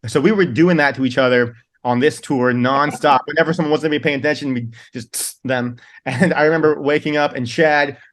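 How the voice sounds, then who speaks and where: A man's voice: fairly high pitch, fairly even intonation, brisk, hardly any pauses. A man, a band's singer, telling long rambling tour stories in a casual interview, laughing often and restarting his sentences. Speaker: band singer, guest.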